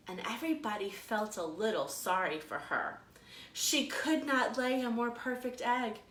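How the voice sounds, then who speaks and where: An American woman with a bright voice at medium pitch reads a story for preschoolers, her words echoing around a roomy space. Like a children's librarian, she keeps her pace slow and deliberate and stresses words for drama.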